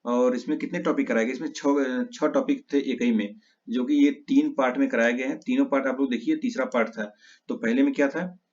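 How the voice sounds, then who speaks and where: A male teacher giving an exam-prep lesson, reciting word pairs in quick lists and correcting his own slips. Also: mid-range voice, steady tone, darkish tone. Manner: rapid list recitation with self-corrections. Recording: slightly dull lo-fi audio.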